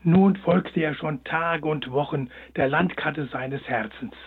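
A man narrating a storybook, gentle and expressive. His voice is high and husky. The sound is thin and phone-like. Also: slow pace.

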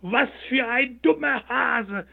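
A man's voice: very high-pitched, slow pace, gravelly, pitched above the performer's own voice, exaggerated voice. A man voicing a chorus of arrogant sunflowers in a storybook, scornful and boastful, on a tinny line. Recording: tinny phone-like sound.

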